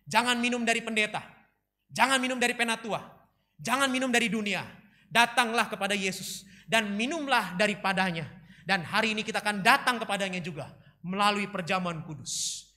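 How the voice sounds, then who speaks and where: A man, a pastor, preaching a sermon and telling a story with lively energy, acting out characters' lines loudly. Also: high-pitched.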